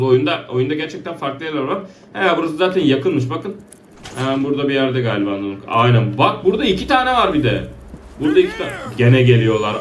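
A man giving excitable, joking let's play commentary, shouting at his teammates. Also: mid-range voice, echoey room, recorded from a distance, a little hiss or hum. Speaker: gaming YouTuber.

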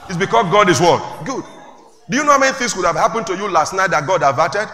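A pastor delivers a sermon in a big reverberant church hall, his voice bright and sharp against a faint hum of room noise. He preaches in call-and-response, throwing questions at the congregation and climbing into shouts. His voice sits a little high for a man. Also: lively intonation, quick pace.

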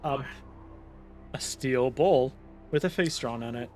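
A man narrating a tabletop game as game master, relaxed and jokey. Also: mid-range voice, normal speed, slight background noise.

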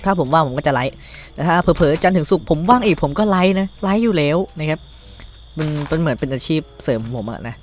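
A man's voice: on the high side, animated, fast talker, slight background noise. Teen Thai guy rambling over gameplay. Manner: rambling, talks to himself while crafting, casual swearing. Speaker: gaming YouTuber. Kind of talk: Minecraft let's play commentary.

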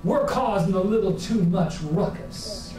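A man in his forties preaching a sermon to a congregation, with folksy, humorous and animated storytelling. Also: high-pitched, a little slow, slight background noise. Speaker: pastor. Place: church sanctuary with a congregation. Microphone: far camera at the back of the room. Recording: very echoey church hall from far off.

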